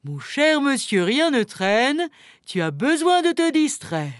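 A woman voicing a calm, cheerful, carefree female bear who talks in an unhurried, affectionate way, in a storybook reading. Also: high voice, no echo, studio quality, full character voice. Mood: easygoing.

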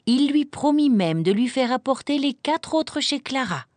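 A woman narrating a children's storybook, reading in an expressive, animated way. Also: sits high, moderate pace, no room sound.

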